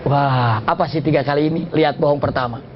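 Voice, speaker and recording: A man's voice: fairly high pitch, quick pace, slight background noise. A man preaching a sermon and telling stories, who often asks questions and answers them himself. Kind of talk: Islamic sermon with storytelling. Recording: dull lo-fi recording.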